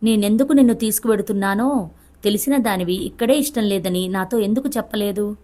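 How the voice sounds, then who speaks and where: A woman's voice: medium pitch, brisk, warm tone, natural voice. An enraged young husband speaks through clenched restraint, his voice tight and menacing, as a woman reader gives him voice. This is a storybook narration. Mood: angry. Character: furious young husband, barely controlled rage.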